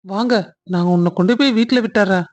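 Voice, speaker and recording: A woman voicing a kind young man in a cartoon love story who speaks earnestly and reassures gently. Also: mid-range voice, quick pace, highs cut off, close to an everyday voice.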